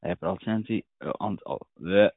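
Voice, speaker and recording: Man, low voice, fast, businesslike voicemail, uh fillers, landline phone, thin tinny line. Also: vocal fry, no room sound. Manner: brisk, businesslike, with frequent "uh" fillers. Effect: heard over a landline phone. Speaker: law firm caller leaving a voicemail. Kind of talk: phone message. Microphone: telephone handset.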